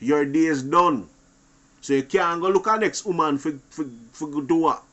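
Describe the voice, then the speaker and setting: A man giving an animated, preachy monologue to other men, swinging between loud outbursts and low asides. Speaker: channel host.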